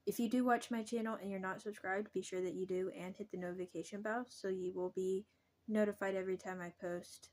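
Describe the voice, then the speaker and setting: A young adult woman talking casually to her vlog viewers, halting and pausing often mid-sentence. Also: mid-range voice, fairly even intonation, darkish tone. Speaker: vlogger.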